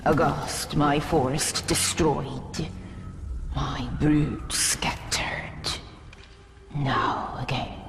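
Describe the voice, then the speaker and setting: A woman playing an ancient, cryptic forest spirit in a game, mournful and breathy, speaking in archaic phrases. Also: low voice, exaggerated voice. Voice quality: breathy, whispery. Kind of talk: slow archaic cryptic narration, game acting. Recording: long reverberant hall echo.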